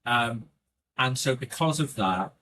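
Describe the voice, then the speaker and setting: His mid-range voice is expressive, bright and forceful, and he talks a little slowly. He's a North Welsh indie filmmaker with the accent to match, guesting on a relaxed podcast and reflecting earnestly while restarting sentences often.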